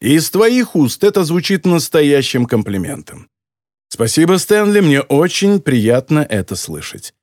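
A man's voice: on the high side, very animated, a little slow, no room sound, clean studio sound. A man doing a sneering, sarcastic editor. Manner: loud, mocking and insulting. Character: rude, sarcastic middle-aged editor on crutch.

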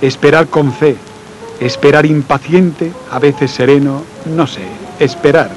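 A man reading devotional letters aloud in a slow, earnest and intimate way, letting phrases trail off quietly. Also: fairly high pitch, steady tone, low-quality recording. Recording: faint music and rain behind.

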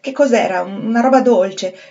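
Pushy smooth doctor guy, polite but won't take no, read by a woman, audiobook, kinda dull lo-fi sound. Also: medium pitch, normal speed, warm tone, close to an everyday voice. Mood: brisk. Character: smooth-talking male doctor, pushy and unctuous.

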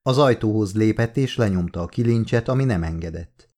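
Brief: male audiobook narrator, low-pitched, steady and measured. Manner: calm, measured reading with slow pauses at key moments.

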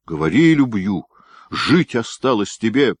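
A man reading an audiobook, voicing an angry, jealous nobleman who shouts harsh orders. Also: lowish voice, big pitch swings, measured pace, husky, dry recording, clean studio sound, full character voice.

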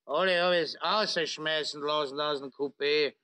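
A man's voice: on the high side, fairly even intonation, measured pace, bright, forceful tone, clean tone. A man playing a drunken, boastful, corrupt Austrian lieutenant colonel, slurring and repeating himself like a town drunk in a satirical reading. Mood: smug drunken rambling. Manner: slurred, rambling town-drunk babble, repeating and breaking off words.

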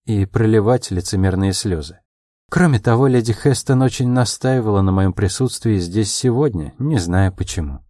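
A man voicing a proud, quick-tempered young woman in an audiobook, her lines pitched a little above his own and delivered in quick, emotional replies. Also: mellow, dry recording, clean studio sound, close to an everyday voice. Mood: brisk, frank.

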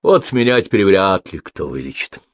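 A man voicing a sick older peasant man in a hospital bed, gruff but kindly and coaxing. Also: low-pitched, sing-song, moderate pace, dry recording.

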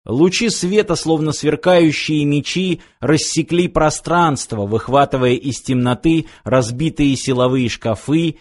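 A man reading an action audiobook aloud in a steady, measured way. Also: on the high side. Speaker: audiobook narrator. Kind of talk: scripted narration.

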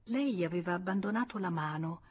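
A woman narrating a classic novel as an audiobook reader, in a measured, expressive way. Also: fairly low pitch, a little hiss or hum. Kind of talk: literary narration.

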